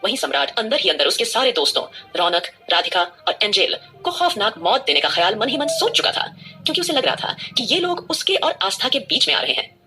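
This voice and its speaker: A woman's voice: medium pitch, big pitch swings, a little fast, over music. A woman narrating a scripted audio drama with dramatic storytelling.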